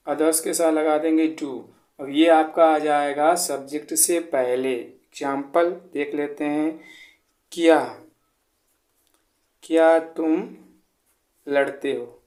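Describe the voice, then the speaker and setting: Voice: medium pitch, a little mellow. An English grammar teacher explaining tenses, spelling words letter by letter and answering their own quiz questions. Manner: patient, repetitive teaching. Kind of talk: Hindi-language grammar lesson.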